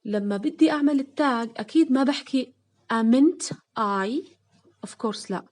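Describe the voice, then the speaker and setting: A woman's voice: high voice, darkish tone. Woman teaching English grammar. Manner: slow, stressed English example sentences with rising question tags; mixes Arabic and English terms. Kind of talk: explaining a grammar lesson.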